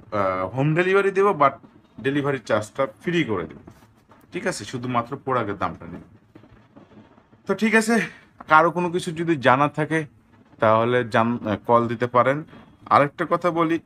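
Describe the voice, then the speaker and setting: A man from Bangladesh selling drones, giving a slow, deliberate product demo with a lot of repetition. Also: medium pitch, fairly bright tone, slight background noise. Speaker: drone seller.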